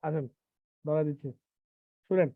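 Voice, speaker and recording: Man, IELTS teacher, high-pitched voice, tinny call audio, teasing and lively. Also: moderate pace, no room sound. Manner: lively, teasing, mixes English terms into colloquial speech. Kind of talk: live online class. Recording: tinny phone-like online call, dry.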